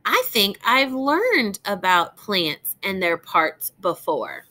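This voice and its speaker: Very animated and pushed bright, a woman with a medium-pitched voice reads a picture book aloud as a teacher might. She speaks directly to young children and phrases things deliberately for them.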